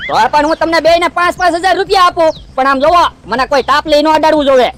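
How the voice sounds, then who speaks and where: A woman's voice: sits high, fairly even intonation, rapid-fire, fairly bright tone, soft background music. A woman voicing a boastful male servant in a cartoon who poses as his master, with a Gujarati accent and a bossy, cocky manner. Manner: bossy, cocky, then whiny.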